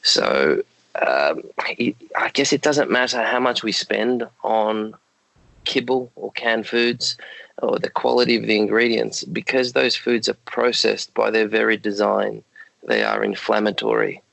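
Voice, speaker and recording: Male guest, croaky and low, measured explainer. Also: fairly bright tone, no room sound, rough recording. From Australia. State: croaky voice, late at night. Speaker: guest, dog health advocate. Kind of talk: podcast interview answers.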